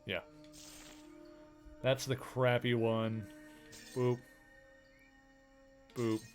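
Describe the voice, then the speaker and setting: A man's voice: mid-range voice, level tone, drawn-out words, faint music behind. A man streaming a video game, chatting casually in a rambling way and cooing affectionately to his pets. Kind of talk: casual chat while live streaming.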